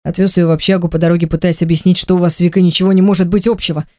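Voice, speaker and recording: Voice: medium pitch, flat delivery, very fast, a little mellow, dry recording, natural voice. A reader doing a blunt young friend in an audiobook who fires reproachful questions in a plain, close, dry voice. Little separates him from the narrator's own sound. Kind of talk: audiobook character voice.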